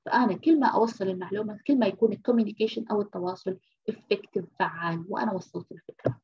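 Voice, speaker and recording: Speaking fast in a husky, medium-pitched voice, a woman from Egypt teaches a university class. Her explanations are patient, with key terms repeated and frequent "okay?" check-ins, and the audio is muffled lo-fi.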